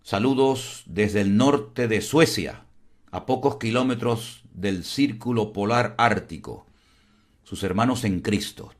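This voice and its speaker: Blunt pastor preaching. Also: male voice, lowish voice, takes it slowly. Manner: blunt, emphatic, repeats phrases. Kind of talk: preaching commentary.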